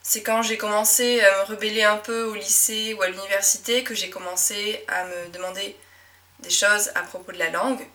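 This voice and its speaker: A young woman from southwest France with a Médoc accent, a French teacher talking reflectively in a casual monologue, with frequent fillers and soft laughs. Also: mid-range voice, steady tone, normal speed, far from the mic. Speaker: French teacher and podcast host.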